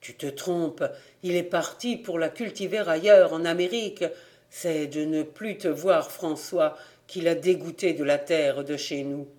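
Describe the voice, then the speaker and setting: A man reading an audiobook, voicing a proud, bitter old farmer father who speaks gravely and flares into anger. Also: a little high, unhurried, darkish tone, natural voice. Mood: grave pleading. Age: older.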